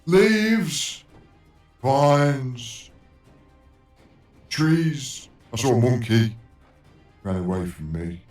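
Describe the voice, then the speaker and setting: A man's voice: mid-range voice, animated, extremely slow, long pauses, a little mellow, distant mic, soft background music. Man with a hollow cave echo. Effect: hollow, echoey sound from talking into cupped hands. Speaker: tabletop game player. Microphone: hands cupped around the mouth in front of the mic.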